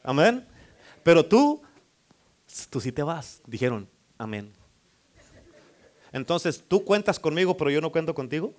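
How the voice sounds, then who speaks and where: A man's voice: on the high side, lively intonation, moderate pace. A male pastor, preaching a sermon and calling out questions for the congregation to answer. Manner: preaching with call-and-response to the congregation.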